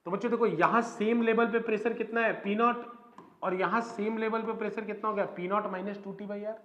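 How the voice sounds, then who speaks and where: Physics teacher, male, high voice, quizzes students as he explains; dull lo-fi recording. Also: steady tone, fairly quick, a bit bright. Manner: explains step by step, keeps asking students questions. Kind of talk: classroom lecture. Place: classroom. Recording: echoey room, dull lo-fi sound.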